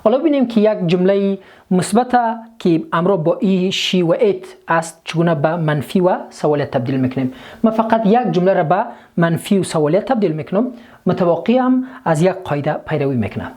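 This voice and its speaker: Woman, English teacher, low pitch, lively melody, slow careful explanations. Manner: explains slowly, repeats each rule in both languages. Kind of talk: grammar lesson mixing English and Dari.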